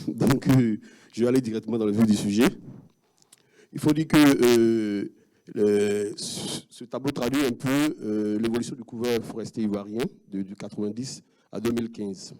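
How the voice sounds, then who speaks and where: A man with an Ivorian French accent presents his research to an audience, walking through slides. His voice sits at an ordinary pitch but sounds dark and mellow. He talks haltingly, stopping often to fill gaps and restart his sentences. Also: fairly even intonation. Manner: halting, many fillers and restarts. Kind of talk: academic talk with slides.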